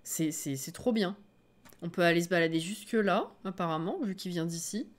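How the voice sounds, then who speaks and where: A woman streamer reacting live to a game trailer, excitable, laughing often and thinking aloud. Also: fairly low pitch, moderate pace.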